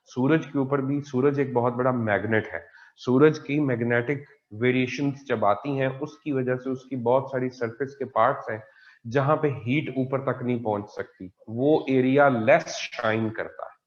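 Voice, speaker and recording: Male science teacher, patient and repetitive, mid pitch, dull lo-fi online audio. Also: unhurried. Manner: patient, repetitive explaining with frequent "theek hai ji". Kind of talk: online class lecture.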